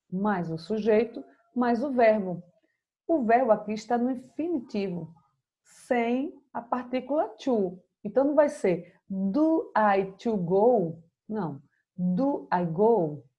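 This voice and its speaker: A woman's voice: medium pitch, mellow, highs cut off. A Brazilian woman teaching English grammar in a recorded lesson, explaining patiently in Portuguese and often checking in with "ok?".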